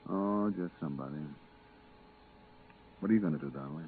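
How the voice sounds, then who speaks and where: An actor playing a stern, weary moon-base pilot with a clipped, authoritative manner, in a 1950s radio drama. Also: male voice, sits low, fairly quick. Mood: weary, guarded. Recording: tinny, hissy 1950s radio recording.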